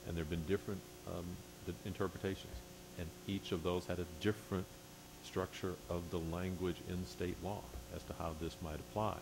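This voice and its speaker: A man giving a formal explanatory report to a board, phrasing things carefully and haltingly. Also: low-pitched, level tone. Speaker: agency official reporting to a board. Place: public board meeting room. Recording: noisy meeting room with hum.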